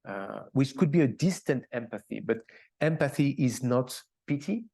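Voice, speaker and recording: A man's voice: medium pitch, lively intonation, normal speed, vocal fry, warm tone. A man, an artist, speaking earnestly at a panel talk with non-native phrasing and restarts. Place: gallery event room.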